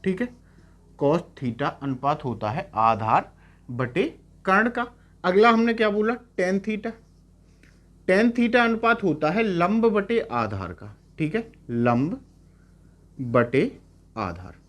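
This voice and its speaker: A young man teaching math in a lecture, explaining step by step and often asking "clear?" to check. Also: sits high, big pitch swings, slow, pauses often. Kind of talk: classroom lecture on trigonometry.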